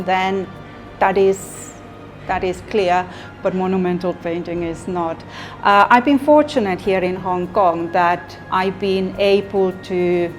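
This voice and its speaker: Slow-paced Finnish-accented woman. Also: mid-range voice. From Finland. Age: middle-aged. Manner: slow, thoughtful, with many pauses and fillers. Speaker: artist. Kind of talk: interview monologue.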